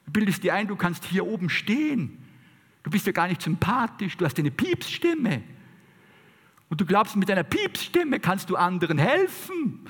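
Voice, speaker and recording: A man's voice: sits high, very animated, moderate pace, a bit bright, husky, long reverb tail, voice pushed up, full character voice. A man voicing a scornful inner critic that belittles and nags the listener. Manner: scornful, mocking.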